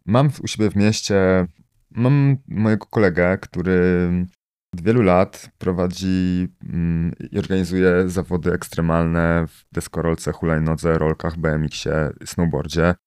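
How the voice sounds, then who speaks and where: A man talks loosely as a podcast guest, wandering through his points with fillers and tag questions. His voice sits very low and is smooth and resonant. The sound is close and dry. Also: steady tone, unhurried, a little mellow, no room sound. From Poland. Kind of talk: casual podcast conversation.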